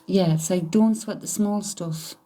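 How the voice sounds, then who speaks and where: Woman, medium doing a spirit reading, mellow dark tone, halting and chatty. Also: fairly low pitch, faint music behind. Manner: chatty, halting, hedging with "I feel".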